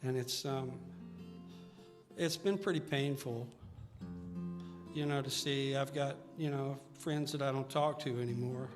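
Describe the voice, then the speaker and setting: On stage at a live music show, an older singer-songwriter talks casually and earnestly as an interview guest in a mid-range, fairly even voice. He speaks a little slowly and pauses often, with music behind him in a reverberant hall.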